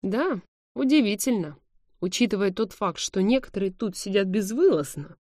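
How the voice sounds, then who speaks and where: A woman's voice: mid-range voice, animated, moderate pace, darkish tone, no echo, natural voice. A woman voicing a blunt, sarcastic young woman, the heroine's sister, in a dry audiobook reading.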